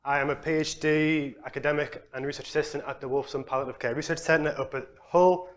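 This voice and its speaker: A young man from Newcastle, giving a relaxed, chatty conference talk as a researcher. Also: a little high, a little fast. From Newcastle, England. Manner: relaxed, chatty, self-deprecating. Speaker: exercise physiology researcher. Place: conference hall.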